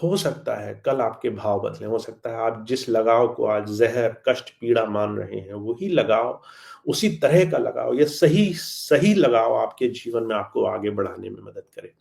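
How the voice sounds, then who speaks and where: A man's voice: on the low side, animated, measured pace, gravelly, darkish tone. A man giving a live spiritual talk, answering listeners' questions in an earnest, friendly way and slipping in English phrases. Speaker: spiritual teacher.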